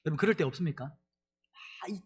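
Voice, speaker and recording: A middle-aged male pastor giving an animated sermon, leading the congregation in reading scripture aloud. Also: on the high side, normal speed, slight background noise.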